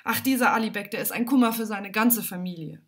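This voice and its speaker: Woman as a gentle storybook mother. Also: mid-range voice, quick pace, close to an everyday voice. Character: gentle mother of a small boy.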